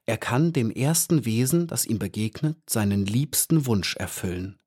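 A man reading an audiobook and voicing a wise male flower elf who speaks calmly and earnestly. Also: medium pitch, moderate pace, slightly rough. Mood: serene. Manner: calm and earnest.

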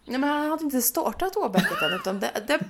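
A woman's voice: high voice, background noise. A young woman co-hosting a podcast, telling a story animatedly and laughing often. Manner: animated, laughing, acts out shouts. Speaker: podcast co-host. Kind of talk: casual chat, storytelling.

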